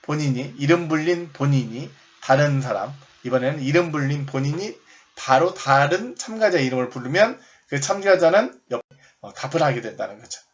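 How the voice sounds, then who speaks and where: A man teaching recreation games in a recorded lecture, explaining step by step, rephrasing often and shouting sample game calls. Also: on the high side, animated, moderate pace, lo-fi sound. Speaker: recreation instructor.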